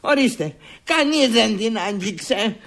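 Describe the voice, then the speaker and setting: Gravelly, complaining older grandmother for a film dub. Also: on the high side, animated, fairly bright tone. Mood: grumbling. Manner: grumbling, complaining. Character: grumbling old grandmother, set in her ways.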